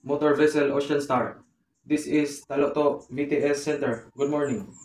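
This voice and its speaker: A man's voice: fairly high pitch, fairly even intonation, moderate pace, a little mellow, natural voice. A man playing a coast station radio operator on marine radio, reading back positions in formal radio phrasing. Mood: calm, formal. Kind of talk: marine radio procedure role-play. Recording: roomy echo, voice far from mic.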